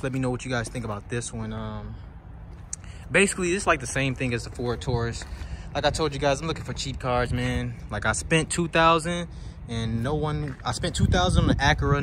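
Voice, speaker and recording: A man with an average-pitched voice strolls an outdoor lot, chatting loosely to his viewers about each car. He is recorded on a handheld phone, with steady outdoor noise behind him. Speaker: vlogger touring a car auction lot. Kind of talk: casual walkaround commentary. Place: outdoor auction lot, in and out of cars.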